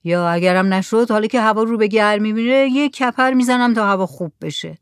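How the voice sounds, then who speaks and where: A woman's voice: medium pitch, clear, resonant tone, no room sound, studio quality, natural voice. A woman doing a pushy, self-assured mullah. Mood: insistent.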